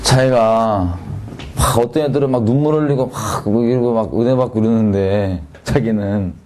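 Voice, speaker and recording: A man's voice: moderate pace, darkish tone. Man preaching conversationally. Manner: casual, conversational preaching with many rhetorical questions to the audience; sudden swings between raised and dropped pitch for emphasis. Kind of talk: sermon.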